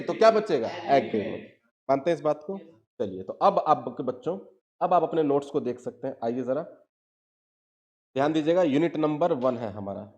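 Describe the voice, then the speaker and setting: A man teaching a law class, often asking his students whether they follow. He reads legal definitions out slowly, word by word. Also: a little high, darkish tone. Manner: asks students constant check questions; acts out both lawyers arguing in court.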